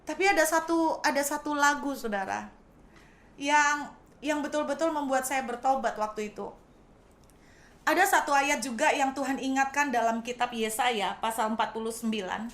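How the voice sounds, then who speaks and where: A high-pitched middle-aged woman gives an emotional sermon, telling her own story to the congregation. She talks to them directly and draws them in. The hall echoes around her. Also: normal speed, a bit bright. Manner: emotional storytelling, addresses listeners as "Saudara". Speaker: pastor. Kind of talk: sermon testimony.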